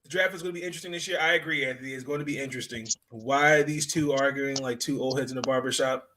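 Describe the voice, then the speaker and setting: A male sports podcast host with a bright, forceful voice of medium pitch. He talks casually and off the cuff. His delivery is halting, and he often repeats a phrase before moving on. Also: slight background noise, low-quality recording. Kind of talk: casual unscripted sports talk.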